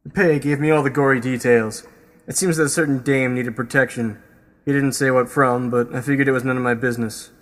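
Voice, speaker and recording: A young man doing a deadpan noir private-eye narrator. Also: medium pitch, brisk, lightly acted. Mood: world-weary. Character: world-weary male private eye narrating. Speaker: voice-over narrator. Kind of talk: hardboiled film noir narration parody. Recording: long reverb with loud music.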